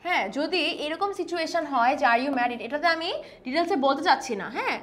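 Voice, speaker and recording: A young woman with a Bangladeshi accent teaching spoken English online, mixing Bengali explanations with slow, carefully spoken English example sentences. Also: sits high, fairly bright tone, a little hiss or hum. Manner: mixes Bengali with English, reads English examples slowly and deliberately. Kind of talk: online lesson.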